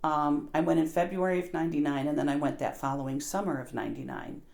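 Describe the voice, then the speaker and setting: A woman's voice: low voice, fairly even intonation, fast talker, vocal fry, darkish tone. An American woman telling stories in casual conversation, earnest and emphatic. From United States.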